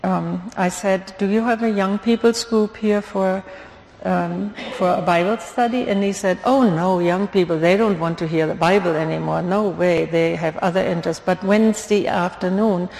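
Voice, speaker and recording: An older woman from Germany with a German accent, giving an earnest church testimony with many fillers and pauses. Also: lowish voice, steady tone, gravelly, darkish tone. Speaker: guest speaker giving testimony. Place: church sanctuary. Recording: long hall reverb.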